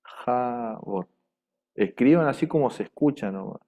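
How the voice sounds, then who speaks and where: A man teaching a language class, repeating words slowly and carefully and dictating them for students to write down. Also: medium pitch, lively intonation, mellow. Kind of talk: slow repetitive language class. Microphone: microphone. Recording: dull lo-fi room microphone.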